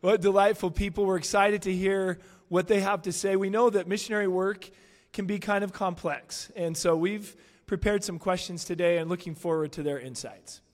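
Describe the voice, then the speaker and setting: Male panel host, slightly higher voice, upbeat intros, reverberant hall. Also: steady tone, moderate pace. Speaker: podcast host introducing guests. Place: conference hall. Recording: long reverb of a large hall.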